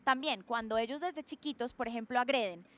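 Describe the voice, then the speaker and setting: A woman's voice: a little high, a little fast. A Colombian woman, a child psychologist, explaining school bullying on a talk show and acting out short parent and child voices in her examples.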